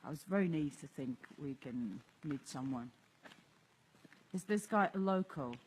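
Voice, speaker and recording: Soft spoken guy streaming live outside, thoughtful, second-language english. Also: on the high side, expressive, a little slow, slight background noise. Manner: soft-spoken, reflective, laughs often. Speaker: livestream host. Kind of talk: casual livestream vlog. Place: outdoors in an abandoned area.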